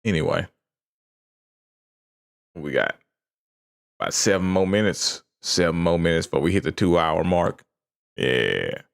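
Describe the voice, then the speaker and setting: A man chatting casually on a livestream as its host, halting and self-deprecating, sounding tired. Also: low-pitched. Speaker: live streamer.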